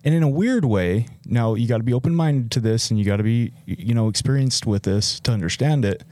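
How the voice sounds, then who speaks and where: A man's voice: medium pitch, brisk, dark tone, dry recording, studio quality. A man co-hosting a counseling podcast, thinking aloud and restating ideas with lots of fillers. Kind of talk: conversational podcast interview.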